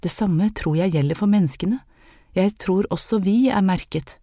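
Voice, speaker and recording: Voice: medium pitch, mellow, no room sound, clean studio sound, pitched above the performer's own voice, close to an everyday voice. A narrator voicing Anne, an anxious young maid with a secret healing gift, speaking earnestly and hesitantly in an audiobook. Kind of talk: audiobook character reading.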